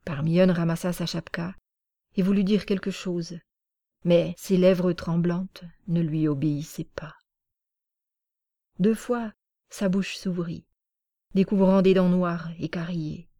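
A woman narrates a storybook in a slow, measured way with a lowish voice. The reading is even and unhurried. The sound is dry and close, with no room echo. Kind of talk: audiobook narration.

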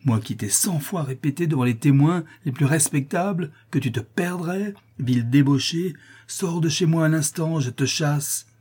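A man voicing a hypocritical rich notary who shouts outraged accusations in a storybook reading. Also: fairly low pitch, normal speed, breathy edge. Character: hypocritical rich male notary, indignant, cruel.

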